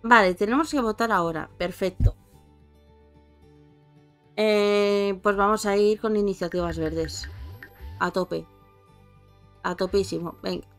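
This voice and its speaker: A woman's voice: mid-range voice, steady tone, unhurried, pauses often, soft background music. A woman giving casual, chatty commentary while playing a life-simulation game and talking to her characters. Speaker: gameplay streamer. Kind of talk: casual let's-play commentary.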